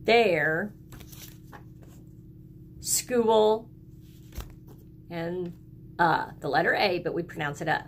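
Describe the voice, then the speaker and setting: This woman teaches young children in an early elementary classroom, her lowish voice very slow and full of pauses. Simple words of encouragement and cues to repeat after her come through with a little background noise.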